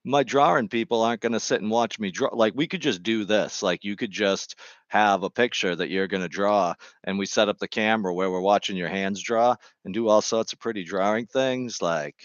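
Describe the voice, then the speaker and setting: Gardening on stream, a man with a New England accent chats and rambles off on tangents, self-deprecating and digressive. His lowish voice keeps a moderate pace in a dry recording with the highs cut off.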